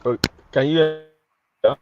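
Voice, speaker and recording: A man's voice: fairly high pitch, measured pace. Man on a choppy, cutting-out call. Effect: choppy connection cutting out mid-word. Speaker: guest on a video call. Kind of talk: casual chat. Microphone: remote call audio. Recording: dull lo-fi call line.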